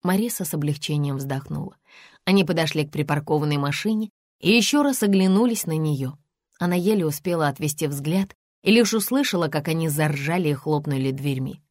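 A woman reads a novel aloud in a low, measured voice. The recording is dry and close, with no room sound. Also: expressive, darkish tone, no echo. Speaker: audiobook narrator. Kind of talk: scripted narration.

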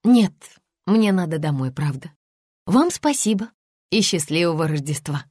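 A woman's voice: fairly low pitch, animated, a little slow, a little mellow, husky, dry recording, clean studio sound. A woman voicing a young woman who is wary and answers in a curt, cutting way. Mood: polite, tense.

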